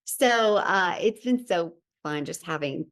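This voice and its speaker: This Tennessee woman has a Southern accent and a fairly low voice with lively intonation, and she speaks slowly. As a podcast guest in a casual interview, she tells her story in a chatty, friendly, warm way, using plenty of fillers.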